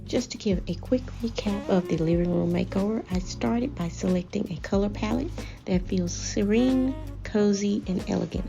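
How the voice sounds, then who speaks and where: A woman narrates a home makeover as a scripted voice-over, with measured, deliberate phrasing. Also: medium pitch, vocal fry, highs cut off. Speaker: home decor vlogger presenting a makeover. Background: background music.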